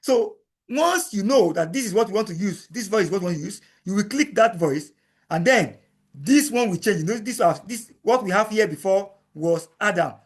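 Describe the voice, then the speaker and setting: A man teaching a software tutorial, repeating each step in plain explanatory talk. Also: sits high, lively intonation, moderate pace, husky. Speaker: instructor. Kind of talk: screen-recording software tutorial.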